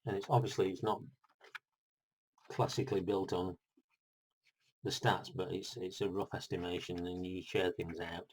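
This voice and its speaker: A man's voice: low voice, level tone, normal speed, pauses often, breathy edge, rough recording. A middle-aged man, unboxing a board game in a rambling, chatty vlog full of asides. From United Kingdom.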